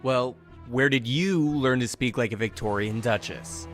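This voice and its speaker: An actor playing a laid-back, deadpan young brother in a video game. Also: male voice, medium pitch, unhurried, music in the background, close to an everyday voice. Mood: unbothered. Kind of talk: video game character acting.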